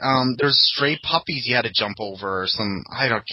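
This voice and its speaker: A man's voice: mid-range voice, normal speed, sharp tone, no room sound, poor audio. A man hosting a casual podcast chat, talking loosely and laughing often. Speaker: podcast host.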